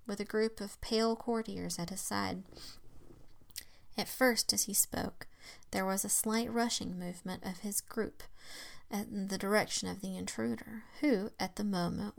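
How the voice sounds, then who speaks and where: A woman reads a classic tale in a hushed, breathy half-whisper. Her voice carries a gravelly fry, and her phrasing is slow and dramatic, with the odd stumble. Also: mid-range voice. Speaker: reader.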